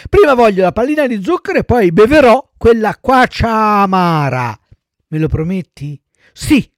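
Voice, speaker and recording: A man voicing a stubborn, whiny wooden puppet boy in a shrill, pleading high voice. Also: big pitch swings, normal speed, no room sound, clean studio sound.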